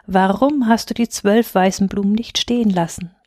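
A woman's voice: mid-range voice, fairly even intonation, normal speed, a little mellow, dry recording, clean studio sound, lightly acted. A woman voicing a stern old woman of the forest in a fairy tale reading, grave and matter-of-fact.

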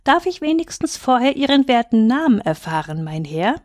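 A woman's voice: sing-song, moderate pace, a little mellow, no echo, studio quality. A woman voicing a tiny, proud young male bunny who speaks in prim, polite phrases in a storybook reading. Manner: prim, well-mannered, raised pitch.

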